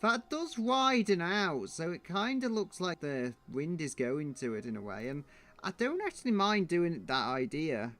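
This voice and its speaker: A man's voice: a little high, big pitch swings, measured pace, fairly bright tone. A man streaming his drawing, thinking aloud in a muttering, self-deprecating way.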